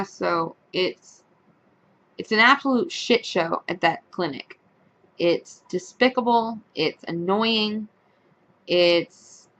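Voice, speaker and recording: A woman's voice: lowish voice, gravelly, a bit bright, lo-fi sound. Blunt, sarcastic young woman vlogger. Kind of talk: casual storytelling vlog.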